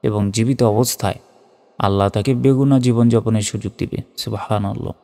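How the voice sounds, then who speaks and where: A man teaching Quran recitation letter by letter, moving between slow chanted recitation and plain spoken explanation. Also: on the low side, mellow. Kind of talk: spelled-out recitation lesson. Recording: long reverb.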